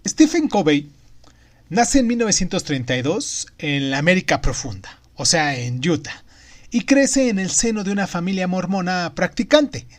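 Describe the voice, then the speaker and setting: A man's voice: high voice, sing-song, moderate pace. A man hosting a podcast, narrating a semi-scripted book summary with emphatic stresses on phrases. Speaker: podcast host.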